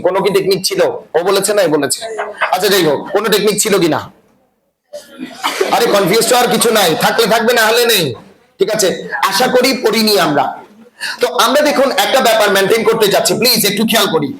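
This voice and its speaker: A man teaching an English class, lecturing and often asking students whether they follow. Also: high voice. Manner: asks the class frequent check-in questions. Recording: echoey room with class noise.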